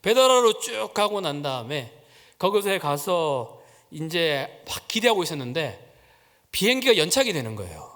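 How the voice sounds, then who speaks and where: A man's voice: on the high side, big pitch swings, normal speed, fairly bright tone. A man preaching a sermon, telling a personal story and acting out the quoted voices. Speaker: pastor. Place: church sanctuary. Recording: long church-hall reverb.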